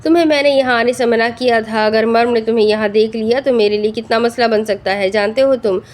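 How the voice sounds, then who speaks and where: A woman's voice: on the high side, fairly even intonation, natural voice. A woman voicing a ruthless, short-tempered male gang boss who scolds his men harshly. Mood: angry.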